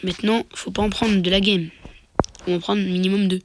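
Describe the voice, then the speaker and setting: Into a phone microphone, a man with a cold sniffles and casually narrates his own match, murmuring half-whispered comments and mock boasts. His voice is high-pitched with little pitch movement, a bit fast, and there is background noise.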